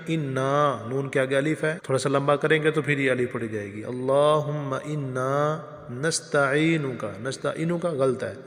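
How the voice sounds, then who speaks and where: Patient male teacher, reverberant sound. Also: medium pitch. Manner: patient, corrects pronunciation word by word. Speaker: mufti teaching recitation. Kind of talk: religious recitation lesson.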